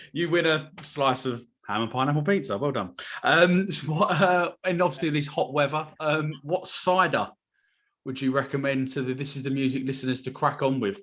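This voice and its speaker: A man runs a casual podcast chat at an ordinary pitch. He jokes with his guests and laughs a lot, filling pauses with relaxed ums as he moves between questions. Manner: laughs often, friendly banter with fillers. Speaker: podcast host.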